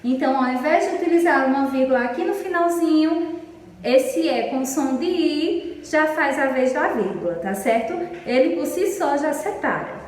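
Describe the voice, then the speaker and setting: Brief: Brazilian woman teacher, high voice, fond and didactic with young pupils, recorded from a distance in a reverberant room. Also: expressive. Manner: affectionate, slow and didactic, stretching example sentences. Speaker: primary school teacher. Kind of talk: recorded remote lesson for children. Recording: echoey room, distant mic, faint noise.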